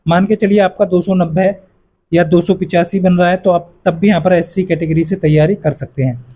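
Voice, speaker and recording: A high, warm male voice explains exam cutoff scores in a laid-back way. The coaching YouTuber addresses students as friends, reassures them repeatedly, and fills gaps with "yahan par" and "jo hai."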